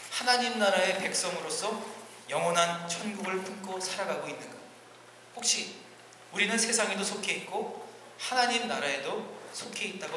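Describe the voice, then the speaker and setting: A man preaching as a pastor, teaching a church seminar in a large hall, earnest and swinging between emphatic rises and quiet asides. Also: on the high side. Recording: echoey hall, distant ambient noise.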